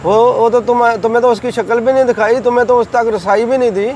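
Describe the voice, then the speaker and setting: A man's voice: very high-pitched, fairly even intonation, darkish tone, a little hiss or hum, rough recording. A middle-aged man from Pakistan giving heated political commentary, combative and accusing, hammering his points home with repeated phrases. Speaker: political commentator hosting his own channel.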